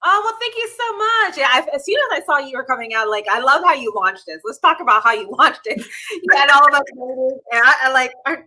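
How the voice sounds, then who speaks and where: A woman's voice: high-pitched, lively intonation, brisk, pushed and bright, poor audio. A woman from Pittsburgh hosting a casual live interview show, bubbly and rambling, laughing often. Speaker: livestream show host.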